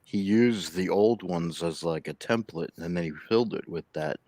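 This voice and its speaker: A man's voice: sits low, normal speed, dark tone, no echo. A man with a slight lisp from missing front teeth, chatting casually on a live stream, telling a long rambling story and mumbling a little. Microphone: laptop.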